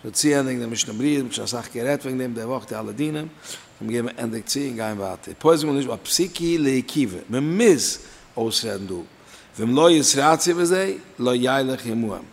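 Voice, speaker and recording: A man's voice: medium pitch, lively intonation, a little fast, gravelly, in a large hall. A man teaching a Torah lesson in a sing-song study chant, his emphasis rising and falling. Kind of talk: Talmudic lecture in Yiddish-inflected German.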